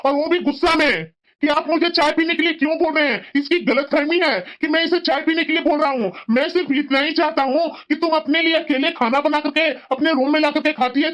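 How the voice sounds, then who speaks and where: A stern young husband in a cartoon who keeps lecturing his wife about family duty, voiced by a woman. The voice sits fairly high for the part, with a scolding, righteous tone. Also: muffled recording, lightly acted. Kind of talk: Hindi cartoon voice acting.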